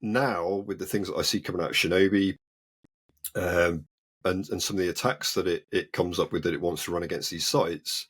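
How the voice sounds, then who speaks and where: A man with a very deep voice, talking as an interview guest. He explains his work in a relaxed, conversational way. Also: normal speed, husky. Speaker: guest, cyber security researcher. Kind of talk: casual interview.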